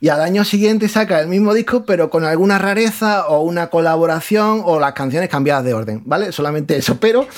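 A man with a notably high voice talks through a comedic music segment on a radio show. He jokes and laughs often, and now and then he breaks into squeaky mocking impressions. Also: fairly quick, few pauses. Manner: joking, frequent laughter, mocking falsetto imitations. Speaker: radio host. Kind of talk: humorous music commentary.

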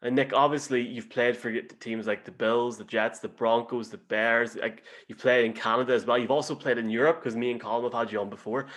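A man's voice: mid-range voice, steady tone, brisk, few pauses, a bit bright. An Irish man hosting a sports show in a casual, chatty and enthusiastic way.

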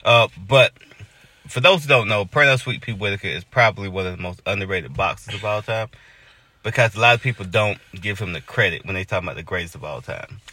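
A man's voice: on the low side, a little fast, sharp tone, dry recording. A man, co-hosting a casual podcast chat, rambling with lots of fillers. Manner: laid-back, rambling with many fillers. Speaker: podcast co-host.

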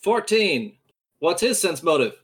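Tabletop player, middle-pitched voice, casual chat with playful in-character turns. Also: very animated, unhurried, breathy edge.

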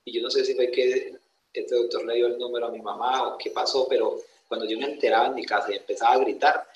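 A man's voice: mid-range voice, fairly even intonation, fast talker, highs cut off, slight background noise. A young man with a Colombian accent giving a motivational personal testimony, telling his story emphatically and putting rhetorical questions to his audience. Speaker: motivational speaker. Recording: roomy echoing venue.

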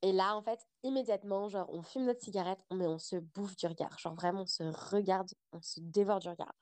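A young woman speaks as a podcast guest, recounting a travel story in a loose, animated conversational flow full of small hesitations. Her voice sits at an ordinary middle pitch. The sound is dry and close, with no room echo. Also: a little fast. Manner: chatty, animated storytelling with frequent fillers. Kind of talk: casual storytelling interview.

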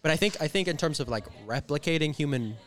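A man's voice: on the high side, lively intonation, quick pace, a bit bright. A man hosting a podcast, talking casually and rambling with many fillers and restarts. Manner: rambling, heavy use of "like" and fillers. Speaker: podcast host. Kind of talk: casual conversation.

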